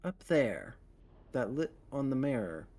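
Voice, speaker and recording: A man chatting on a game livestream in the guise of an eldritch raven. His pitch moves expressively, while his wording stays formal, measured and slightly ominous. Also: big pitch swings, darkish tone. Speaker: co-streamer playing along.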